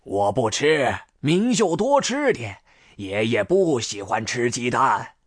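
A woman's voice: rumbling low, very animated, slow, husky, no echo, studio quality, pitched below the performer's own voice, heavily acted. A woman voicing a kind, doting old grandfather in a storybook reading. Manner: warm, teasing, modest.

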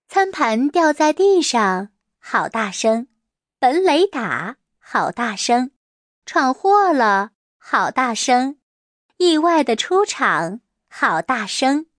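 A woman reading a children's picture book aloud in a slow, sing-song way, repeating a refrain. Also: on the high side, dry recording, clean studio sound. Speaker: storybook reader.

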